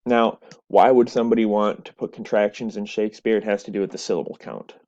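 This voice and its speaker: A man's voice: fairly low pitch, steady tone, fast, darkish tone. Male teacher, recorded lecture over a webcam, slightly dull sound, patient explanations. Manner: explanatory, with frequent "right?" and "so".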